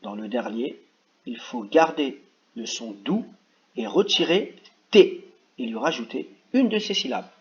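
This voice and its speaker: A man's voice: medium pitch, animated, measured pace, highs cut off. A man teaching young children, walking them patiently through reading exercises and stressing each sound and word. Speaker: primary school teacher.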